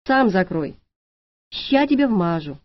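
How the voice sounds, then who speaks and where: A woman's voice: mid-range voice, very animated, slow, no room sound. A woman voicing a rude, mocking young female thief who taunts with crude insults, in an audiobook. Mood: taunting. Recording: dry, slightly dull lo-fi audiobook.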